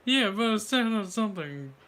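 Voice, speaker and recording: A man's voice: high-pitched, expressive, moderate pace, fairly bright tone. A man chatting casually with a friend about everyday things, in slangy, informal speech. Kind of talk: casual chat.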